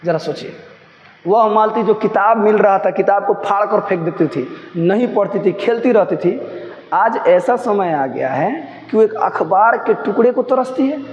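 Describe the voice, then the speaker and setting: High-voiced Bihari man teaching. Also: expressive, a little slow, echoey room, long reverb tail, lo-fi sound. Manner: switches between textbook Hindi and Bhojpuri-tinged dialect, acting out quotes. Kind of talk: line-by-line lesson explanation.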